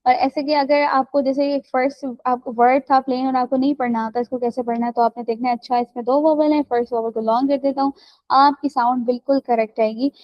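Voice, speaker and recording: A woman's voice: sits high, fairly even intonation, fairly quick, dry recording, lo-fi sound. A woman teaching an English class online, explaining step by step and checking that students follow. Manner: explains step by step, checks understanding with "right?" and "theek hai".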